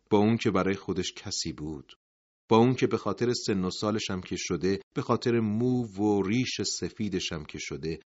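A man with a fairly low voice narrates a dramatic storybook tale. His pitch moves widely and he sinks into hushed tones at the end of sentences. The recording is slightly dull and lo-fi.

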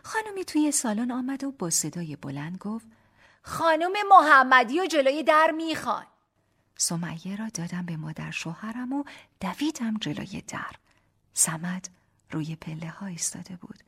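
Breathy woman narrating a memoir. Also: lowish voice, big pitch swings. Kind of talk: first-person audiobook narration.

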